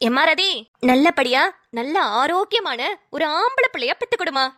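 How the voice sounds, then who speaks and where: A woman's voice: sits high, sing-song, moderate pace. A nagging old village mother, voiced by a woman. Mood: scolding. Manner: loud, nagging, dramatic. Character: scolding elderly village mother, blunt and caring. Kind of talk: cartoon voice acting.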